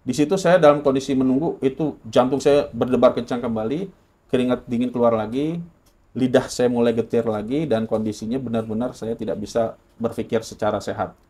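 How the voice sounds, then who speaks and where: A man's voice: mid-range voice, steady tone, a little fast, dark tone. A man from Indonesia telling his personal story in an interview, earnest and correcting himself often.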